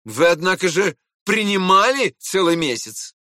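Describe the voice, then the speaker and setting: Man doing a high-voiced haughty prince, snappish, scolding, lively swings, storybook reading. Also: a little slow, dry recording, clean studio sound, exaggerated voice. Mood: irritated, scornful. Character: irritable proud aristocratic prince, middle-aged man.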